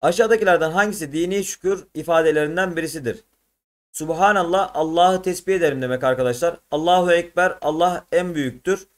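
Male teacher, fairly high voice, exam-prep lesson, patient explainer who recites verses. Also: fast talker. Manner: addresses pupils as friends, explains and recites verses. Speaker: religion teacher.

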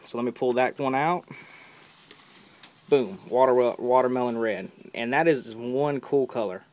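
A man's voice: medium pitch, a little slow, darkish tone. A young man casually chatting while unboxing gear, enthusiastic and rambling, often repeating words, on a camera held close. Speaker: fishing vlogger.

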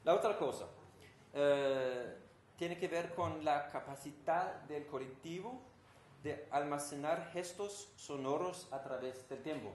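Danish composer with a Danish accent, giving an informal talk to an audience, roomy sound with faint background noise. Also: male voice, fairly high pitch. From Denmark. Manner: engaged, asks the audience questions, searches for Spanish words. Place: room with an audience.

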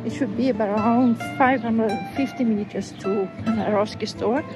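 A middle-aged woman casually narrating her sailing vlog aboard a boat, relaxed and chatty, with frequent restarts and fillers. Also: a little high, moderate pace, rough recording. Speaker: sailing vlogger. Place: on a sailboat at sea. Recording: music playing under the voice.

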